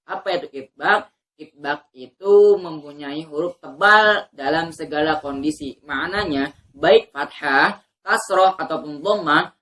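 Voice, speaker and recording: Woman Quran teacher, bright lowish voice, patient drills, slow chanted recitation. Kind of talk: teaching letter pronunciation to learners.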